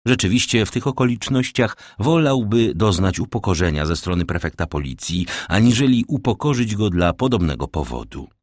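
A man reads an audiobook in a low voice, moving through a wide pitch range with measured, dramatic phrasing. The sound is dry and close, with no room around it. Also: big pitch swings, no room sound. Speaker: audiobook narrator. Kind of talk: scripted narration.

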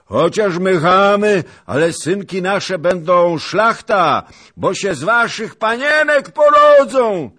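A man voicing coarse Cossack warriors who shout taunts across the field in a high, strained voice. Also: animated, takes it slowly, exaggerated voice. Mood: jeering shout.

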